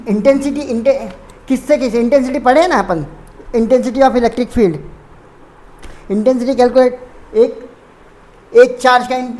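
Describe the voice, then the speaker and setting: A woman's voice: high voice, a little mellow. A woman teaching a physics lesson. She explains step by step, repeats terms and corrects her own slips.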